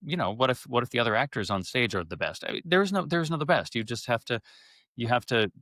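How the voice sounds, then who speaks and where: In clean studio sound with no room sound, a middle-aged interview guest, a stage and radio theater actor, tells stories in a fast, animated, somewhat bright medium-pitched voice. He chats casually and candidly, often cutting himself off mid-thought.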